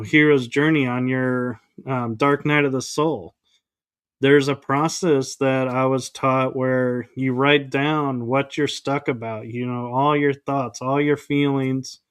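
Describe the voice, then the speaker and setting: A man joins a podcast as a guest over a video call, earnestly explaining ideas step by step. He talks in an unhurried way with a smooth, resonant voice, and the sound is close and dry. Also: mid-range voice, no room sound. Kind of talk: casual explanation in an interview.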